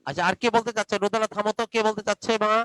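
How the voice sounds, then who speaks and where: A man's voice: sits high, steady tone, rapid-fire, fairly bright tone, no room sound, soft background music, rough recording. A man with a Bangladeshi accent teaching an online English class, patiently drilling pronunciation and repeating words.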